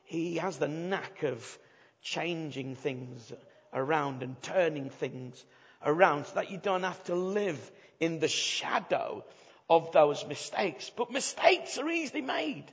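High-voiced Bradford man preaching in an echoey hall. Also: lively intonation, slow. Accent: Bradford, West Yorkshire. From Bradford, England. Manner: chatty, jokey, uses rhetorical tag questions. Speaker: evangelist, guest preacher. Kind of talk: informal humorous sermon to a live audience. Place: large reverberant hall, speaking to an audience. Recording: echoey hall PA, slightly dull.

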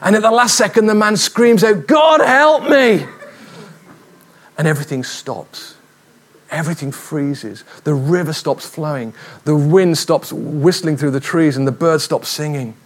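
A man preaching a sermon in a lively, humorous, conversational way, telling stories. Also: fairly high pitch, moderate pace. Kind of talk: sermon with storytelling.

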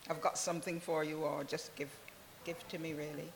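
A woman from Barbados, a church member, giving a soft, unhurried testimony in an interview. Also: deep voice, little pitch movement, creaky, big-room sound, slight background noise. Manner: soft-spoken, unhurried, many "really"s.

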